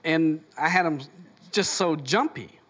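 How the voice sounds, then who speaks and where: Male seminar leader with a high speaking voice, a chatty storyteller who plays both sides of each exchange. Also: measured pace, fairly bright tone. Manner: anecdotal storyteller acting out both sides of conversations. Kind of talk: motivational seminar talk. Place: seminar room before an audience.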